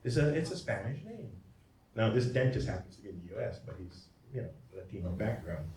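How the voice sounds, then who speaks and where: Joking priest lecturing in an echoey hall. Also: male voice, fairly low pitch, sing-song, fairly quick, darkish tone. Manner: jokey, digressive, checks in with "Okay?" and "right?". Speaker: priest giving a genealogy talk. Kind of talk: lecture presentation. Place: hall at a symposium. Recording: echoey hall, from far off, faint noise.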